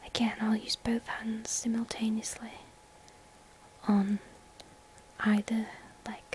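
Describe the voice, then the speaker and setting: A woman playing a gentle, soothing spa massage therapist in a soft-spoken whispered role-play, slow and reassuring. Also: fairly high pitch, completely flat delivery, a little hiss or hum, low-quality recording.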